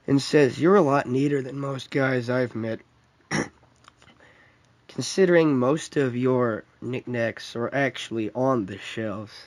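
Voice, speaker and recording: A young man, a fan fiction reader, reads a fan story aloud in the second person in a warm, mellow, medium-pitched voice. His reading is casual, with frequent restarted lines and pauses for offhand asides, in a dry recording.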